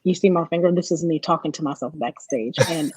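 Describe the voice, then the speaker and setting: A woman's voice: deep voice, brisk, husky, no room sound, low-quality recording. A woman in her thirties, a stage actress, telling stories in a casual interview with many restarts. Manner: animated storytelling with restarts.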